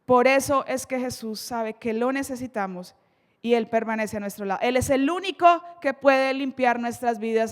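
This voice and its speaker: Here a Colombian-accented woman preaches with emphasis, recounting scripture theatrically and slowing for the lines that matter most. She sits on the high side, and the church leaves a long reverb tail behind her words.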